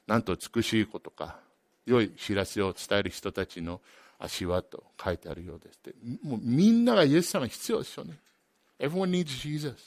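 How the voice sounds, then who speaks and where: A man's voice: mid-range voice, expressive, normal speed, dry recording. Impassioned male preacher in a dry room. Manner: alternates each point between two languages; emphatic, rising to loud passionate peaks. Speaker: pastor. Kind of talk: bilingual sermon.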